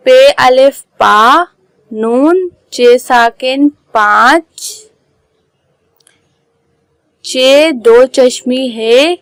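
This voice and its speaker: A woman school teacher giving an online class, spelling out words slowly letter by letter. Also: fairly high pitch, clear, resonant tone, no room sound, poor audio. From Pakistan. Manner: slow, careful letter-by-letter dictation.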